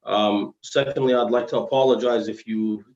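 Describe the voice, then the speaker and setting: A man's voice: on the low side, steady tone, normal speed, darkish tone. A man giving a religious lesson as an Islamic scholar, formal and explanatory, weaving in Arabic phrases, with slightly slurred, heavy-tongued diction. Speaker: Islamic scholar, guest lecturer. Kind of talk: religious lesson in dialogue form. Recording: roomy, dull live-stream sound.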